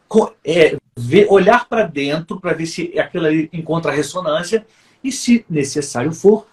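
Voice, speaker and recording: A man hosts a casual faith conversation and explains things patiently, like a teacher. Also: on the high side. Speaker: host.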